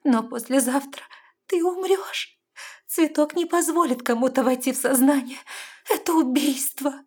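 A woman's voice: sits high, normal speed, pitched above the performer's own voice, natural voice. A woman voicing an anxious loving mother. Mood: urgent. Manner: urgent, fearful, loud. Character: loving anxious queen mother, fearful, urgent.

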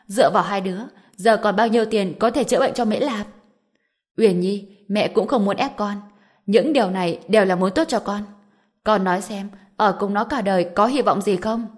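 A woman voicing a scheming middle-aged mother-in-law who scolds and wails loudly in an audiobook. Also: mid-range voice, moderate pace, close to an everyday voice. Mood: nagging. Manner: loud, wailing, scolding. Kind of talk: audiobook character voice.

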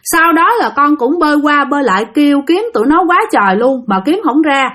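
A woman's voice: high-pitched, animated, a little fast, fairly bright tone, voice pushed up. A woman voicing a frantic young man, calling out in panic as he pleads for help.

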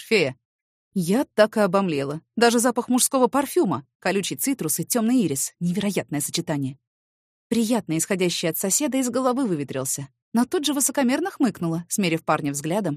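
A woman reading a first-person romance novel aloud with an expressive, animated delivery. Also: medium pitch, brisk, no room sound, clean studio sound. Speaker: audiobook narrator.

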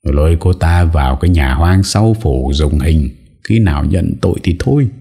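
A man's voice: a bass voice, sing-song, takes it slowly, dark tone, husky, exaggerated voice. A man voicing a young lord who gives harsh, cold orders. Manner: harsh, commanding.

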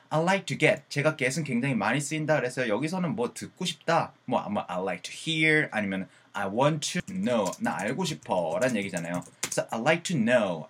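A man who teaches English pronunciation in an online lesson. He asks questions and answers them himself, and he drills words slowly, repeating each one. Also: medium pitch, husky.

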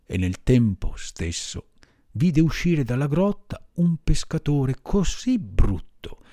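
A man narrating a storybook in an expressive, measured reading voice. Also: mid-range voice, dry recording, studio quality. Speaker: audiobook reader.

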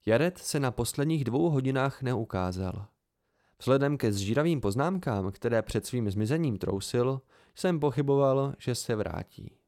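A man reading an amateur audiobook in a steady, unhurried way. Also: medium pitch. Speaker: audiobook reader.

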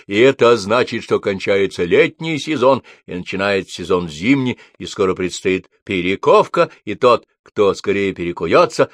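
A man's voice: medium pitch, no room sound, voice pushed up, close to an everyday voice. A man voicing an anxious, horse-like male racer who keeps repeating his own words.

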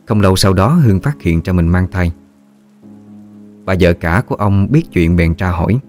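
Deep male voice, slow ghost story narration, faint music behind. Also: animated, a little mellow.

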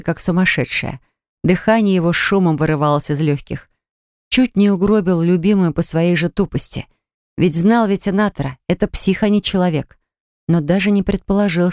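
A woman narrating a novel chapter in an even, measured storytelling manner. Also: lowish voice, dry recording, studio quality. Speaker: audiobook narrator. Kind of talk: scripted narration.

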